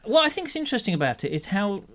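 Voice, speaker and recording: A man's voice: sits high, very animated, fast talker, pushed and bright. A man with a British accent chatting casually as a podcast co-host, often restarting his phrases, with dry humour. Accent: British English. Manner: hesitant, self-correcting, dry humour.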